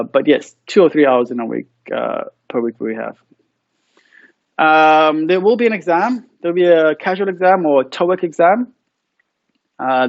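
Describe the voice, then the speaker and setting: A young man from South Africa, a university English lecturer, introducing his course in a relaxed, friendly way with frequent ums. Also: mid-range voice, no echo, highs cut off.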